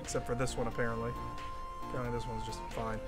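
A man's voice: medium pitch, level tone, quick pace, over music. A young man casually commenting on a game he plays, playfully reading dialogue in silly voices. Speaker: let's play gamer.

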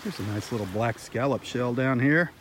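A beach walk host from Florida, USA, with a mid-range voice, strolls the sand by the water and films himself on a handheld phone. His commentary is easygoing and unhurried, coming in remarks broken up by pauses, with wind and surf audible outdoors.

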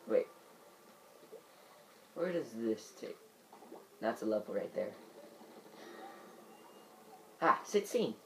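A man's voice: mid-range voice, a little hiss or hum, low-quality recording. A man giving let's play commentary, muttering to himself while he plays. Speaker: gamer.

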